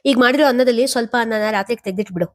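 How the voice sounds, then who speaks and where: A woman voicing a bossy, stingy sister-in-law who gives brisk orders. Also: fairly high pitch, natural voice.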